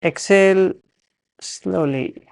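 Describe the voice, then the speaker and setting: A meditation teacher guides a session, giving calm, measured instructions in short phrases separated by pauses. He has a high, creaky yet smooth voice, recorded with no echo.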